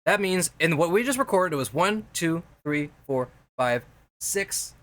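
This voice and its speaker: A man streams while casually teaching video editing and reviewing edits sent in by viewers. His voice is a little high, animated and a bit bright, and he takes his time. He rambles and repeats himself as he walks through things step by step.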